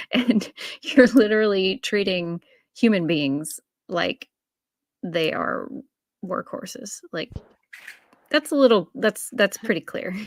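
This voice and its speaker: A woman's voice: mid-range voice, animated, takes it slowly, pauses often, a little mellow, no room sound. Earnest woman in dry close sound. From Los Angeles, United States. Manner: earnest, laughs through pointed remarks. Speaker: book club member. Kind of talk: casual discussion.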